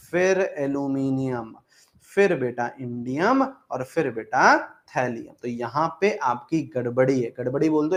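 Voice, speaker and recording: Male coaching teacher, a bit high-voiced, drills students with repeated questions, fond "beta". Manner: repeats questions to the class, calls students 'beta'. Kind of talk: exam-prep chemistry lesson.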